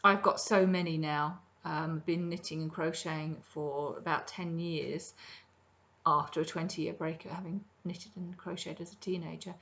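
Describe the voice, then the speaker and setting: Hosting a crafting podcast from her kitchen at home, a middle-aged woman with a lowish, slightly bright voice chats casually about her projects. It's a rambling show-and-tell full of ums.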